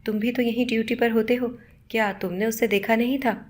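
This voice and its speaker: A woman's voice: fairly high pitch, steady tone, natural voice. A woman voicing an angry young man in an audio story, harsh and accusing. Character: angry young man hunting a runaway maid.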